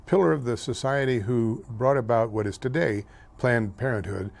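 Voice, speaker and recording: Hosting a local talk show, this older man halts often, fills gaps with fillers and trips over names, turning louder and heated on political topics. He has a medium pitch with some vocal fry.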